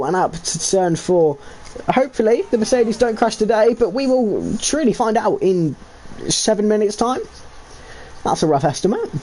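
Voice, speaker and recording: A man calling a sim racing league session live, his pitch swinging up and down as he reacts to the cars. He is excitable and jokey, drifting into rambling asides. There is a faint hum of room noise behind him. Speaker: race commentator.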